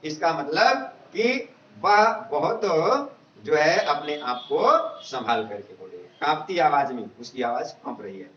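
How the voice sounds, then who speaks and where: A man's voice: on the high side, lively intonation, a little slow, a bit bright, slight background noise. A male teacher giving a literature lesson in an online class. He reads a play aloud and explains the meanings of words. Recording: echoey room, dull lo-fi sound.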